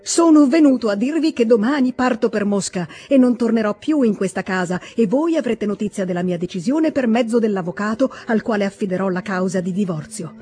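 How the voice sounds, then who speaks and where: A reader voicing a stern, cold aristocratic husband, with a shrill, curt and contemptuous manner, in an audiobook reading. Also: a little fast, few pauses, warm tone, soft background music, natural voice.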